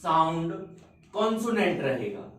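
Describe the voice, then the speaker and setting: A man teaching an English grammar lesson in a classroom, slowly repeating points and quizzing his students with questions. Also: a little high, sing-song, fairly bright tone. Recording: echoey room, mic far off.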